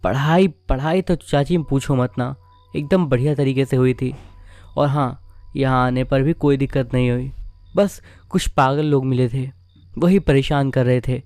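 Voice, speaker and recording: A man's voice: mid-range voice, fairly even intonation, a little slow, darkish tone, no room sound, pitched below the performer's own voice, natural voice. A man voicing a young woman newly returned home from years abroad, affectionate, chatty and easily puzzled.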